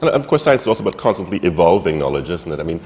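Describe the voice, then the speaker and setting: A man's voice: low-pitched, sing-song, racing, a little mellow. A man interviewing a guest, asking leading questions that end in tags. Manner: leading questions with tag endings. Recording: reverberant hall with faint noise.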